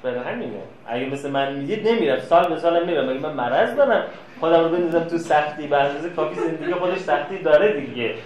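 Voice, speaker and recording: A man giving a classroom lecture, telling anecdotes and acting out quoted dialogue. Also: a little high. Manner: lively storyteller, plays out quoted dialogue. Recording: echoey room, faint noise.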